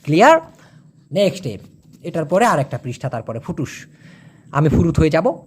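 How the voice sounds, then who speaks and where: A chatty male teacher gives a casual language lesson. His pitch swings up and down as he jokes with the viewers, and he slows right down to spell out each example word. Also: big pitch swings, breathy edge. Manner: chatty, joking, drags out example words slowly.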